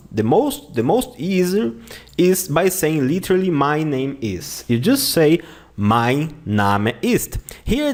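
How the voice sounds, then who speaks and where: Guy teaching beginner german in english, portuguese is his first language, talks real slow, middle-pitched voice, patient, repeats words a lot. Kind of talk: online language lesson.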